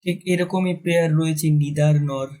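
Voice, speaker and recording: A man's voice: a little high, steady tone, warm tone, poor audio. A man teaching an exam-prep grammar lesson, explaining step by step, asking and answering his own questions. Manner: switches between Bengali and slowly dictated English. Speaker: English teacher.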